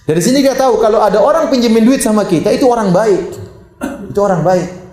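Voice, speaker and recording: A middle-aged Indonesian man preaching to a congregation, lively and joking, his pitch jumping high to stress a point. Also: fast talker. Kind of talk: sermon. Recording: echoey hall.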